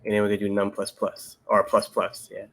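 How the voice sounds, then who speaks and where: A young man with a somewhat low voice talks through a coding problem step by step. His manner is laid-back and patient, like a casual pair-programming session at home. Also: completely flat delivery, brisk, a bit bright. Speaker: interview candidate studying coding.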